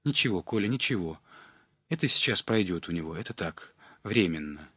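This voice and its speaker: A man's voice: expressive, a little fast, sharp tone, husky, dry recording, studio quality, full character voice. A man reading an audiobook, voicing a young woman camper who pleads and protests in a raised voice. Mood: soothing. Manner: higher, urgent pleading.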